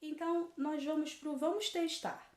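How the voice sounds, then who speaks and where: A woman teaches a recorded lesson, speaking slowly and deliberately in a fairly high voice. She repeats each answer patiently. The phone recording carries a noticeable room echo. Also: fairly even intonation, a little mellow. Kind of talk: recorded lesson correcting a worksheet.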